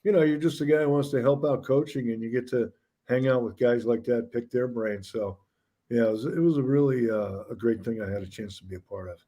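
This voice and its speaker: A man's voice: mid-range voice, fairly quick, warm tone, lo-fi sound. A man who works in radio and media, chatting casually in an interview and telling stories with easy, self-deprecating humor.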